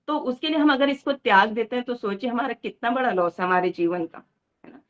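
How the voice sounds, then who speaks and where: A woman with a fairly high voice gives an earnest devotional talk. She tells a moral story and keeps asking rhetorical questions. The recording sounds dull and lo-fi. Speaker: devotional speaker.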